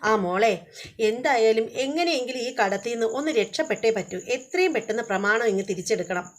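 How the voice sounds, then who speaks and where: A woman's voice: a little high, expressive, a little fast. A woman voicing a scheming, status-proud middle-aged mother who talks in a coaxing, scornful way.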